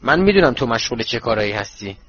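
A man voicing a thin, spiteful middle-aged aunt who speaks in a hushed, hissing way, in a storybook reading. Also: mid-range voice, sing-song, husky, highs cut off.

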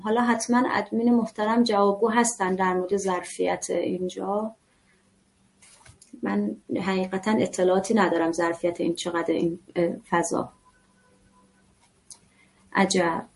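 A woman's voice: mid-range voice, little pitch movement, vocal fry, pauses often, a little mellow. A woman giving a live online parenting class in a conversational manner, often putting rhetorical questions to her listeners. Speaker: parenting instructor.

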